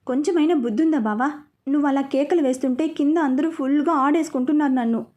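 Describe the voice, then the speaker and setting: A woman's voice: high-pitched, quick pace, a little mellow, highs cut off, close to an everyday voice. A woman reading a storybook role, voicing a shy but hot-tempered young bride who scolds her husband. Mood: scolding. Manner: scolding, indignant.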